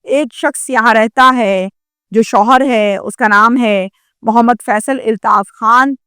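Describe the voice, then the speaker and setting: A woman's voice: a little high, fairly bright tone, clean tone, no echo, studio quality. A woman dramatically narrating a crime story and addressing viewers directly. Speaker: news storyteller.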